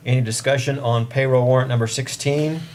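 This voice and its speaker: A man's voice: medium pitch, fairly even intonation, brisk, darkish tone. A man chairing a board meeting in formal procedural language, speaking up to carry across a meeting room. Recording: noisy meeting room audio with ambience.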